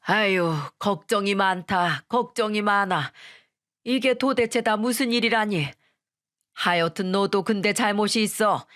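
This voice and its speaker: A woman's voice: medium pitch, measured pace, a bit bright, natural voice. Woman doing a stern scolding father-in-law. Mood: lecturing. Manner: gruff, lecturing.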